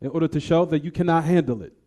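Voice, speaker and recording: Racing along in a fairly high, mellow voice, an Islamic teacher runs a class on hadith. He explains in English, recites Arabic, and often quizzes students with "what?" questions.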